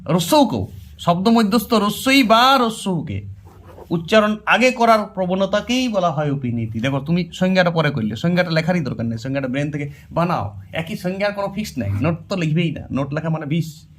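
A man's voice: high-pitched, very animated, fairly quick, a bit bright, a little hiss or hum. A man teaching an exam-prep Bengali grammar lesson, emphatic and repetitive, speaking directly to his students. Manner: emphatic, repeats key words, addresses students directly.

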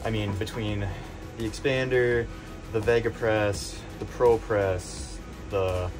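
A man's voice: lowish voice, slow, music in the background, poor audio. A young man, a plumber, talking casually about his tools while working in a crawl space, rambling with lots of fillers. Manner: relaxed, rambling, lots of "I mean" and "like". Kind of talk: casual on-the-job interview. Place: crawl space under a building.

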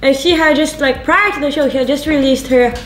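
A woman's voice: high-pitched, a little fast, a bit bright, slight background noise. Echoey young woman, mouth burning from spicy food. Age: 20s. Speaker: co-host of a music mukbang. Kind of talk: casual chat. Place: large open office room, indoors. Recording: roomy echo, music laid over. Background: music.

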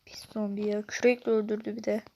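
A woman's voice: mid-range voice, flat delivery, fast talker, mellow. A young woman casually commenting on her own gameplay, chatty with frequent exasperated outbursts. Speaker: gaming YouTuber.

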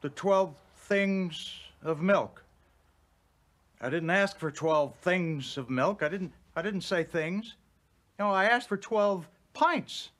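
A fussy, formal father in a sitcom, choosing his words with deliberate care. His pitch swoops widely, rising sharply when he is exasperated. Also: expressive, a bit bright, heavily acted. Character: fussy, exasperated middle-aged father and businessman. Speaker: father, would-be milk seller. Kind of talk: sitcom acting.

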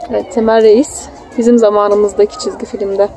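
A warm-toned woman in her thirties, speaking at a moderate pace with a medium, fairly flat pitch, films her small child on a handheld phone from behind the camera. At an open-air children's park, she casually points things out, explains them, and coaxes with endearments, while faint crowd noise drifts through the outdoor video.

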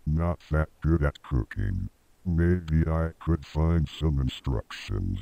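A very deep gravelly game character. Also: male voice, animated, slow, dark tone, no room sound, dull audio, heavily acted. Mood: flat.

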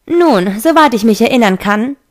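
A woman's voice: a little high, lively intonation, normal speed, natural voice. A woman reading the lines of a mocking male fallen angel in a fantasy audiobook.

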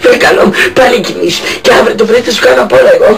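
Man playing a mother, exasperated, scolding, gravelly, very high, music behind. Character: weary, fussing middle-aged mother. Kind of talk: TV sketch comedy.

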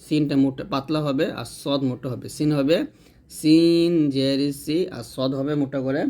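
A man teaching Quranic letter pronunciation, saying each sound slowly and clearly, then explaining it quickly. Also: medium pitch, steady tone, mellow. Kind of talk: slow drilled pronunciation lesson.

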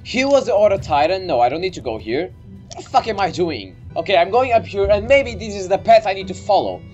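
A young man commentates a game in a high, very animated voice. He is excitable and easily startled, swearing freely as he plays. Faint game music runs behind him. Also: a little fast, dull audio. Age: young adult. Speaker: gaming video creator. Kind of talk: let's play game commentary.

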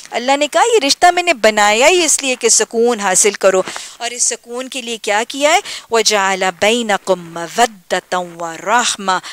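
A woman with a Pakistani Urdu accent giving a Quran lesson, earnest and emphatic, slowing down for Arabic recitation. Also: on the high side, a bit bright, clean tone. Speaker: Quran teacher.

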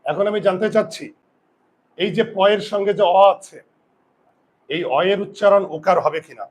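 A man's voice: sits high, moderate pace, rough recording. A man teaching a pronunciation lesson in class. He drills the rules over and over and keeps asking his students questions. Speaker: Bengali grammar teacher.

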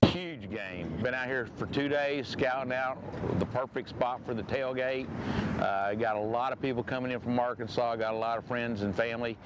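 A man's voice: medium pitch, normal speed. A middle-aged man giving a casual interview soundbite as a sports fan, in clipped, informal phrases. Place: outdoors beside stadium parking area. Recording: windy outdoor noise.

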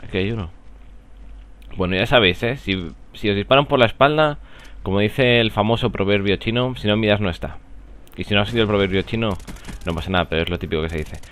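Young guy from spain rambling over a match, jokey, yells now and then, lowish voice. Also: fast, clear, resonant tone. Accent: Spanish from Spain. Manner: rambling, joking, excitable outbursts. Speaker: gaming commentator. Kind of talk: casual live gameplay commentary.

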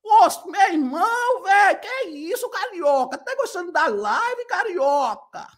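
A man's voice: very high voice, big pitch swings, slow, a bit bright, voice pushed up, full character voice. A man putting on a swaggering mock carioca guy. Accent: Pernambuco.

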